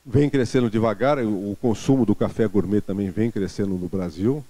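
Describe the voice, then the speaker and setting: Man lecturing in a dark, dry voice. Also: on the low side, moderate pace, no echo. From Brazil. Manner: conversational, with many fillers and restarts. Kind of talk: seminar talk. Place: small lecture room with seated audience. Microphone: handheld mic.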